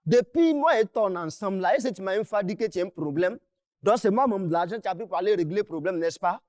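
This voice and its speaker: A man's voice: high-pitched, expressive, fast talker, a little mellow, no room sound, clean studio sound. A man, confronting the person who owes him money; he talks angrily, insists and cuts in. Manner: angry, insistent, repeats himself, interrupts. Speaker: client in a dispute. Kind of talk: heated confrontation on a mediation show.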